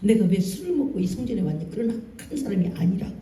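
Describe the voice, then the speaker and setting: A preacher voicing a humble young woman in grief, pleading in a low, hushed voice, heard from far off in an echoey church hall. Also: lively intonation, fast talker, a little hiss or hum, lightly acted. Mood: grieving.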